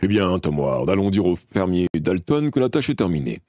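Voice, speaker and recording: A man voicing a stern, calm monster hunter who gives low, gruff commands. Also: normal speed, no room sound, studio quality. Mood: grave, calm.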